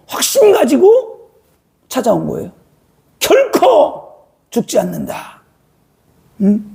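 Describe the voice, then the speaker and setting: A pastor preaching a sermon with emphasis, constantly prompting the congregation with quick "huh?" tag questions. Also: mid-range voice, creaky, warm tone, husky.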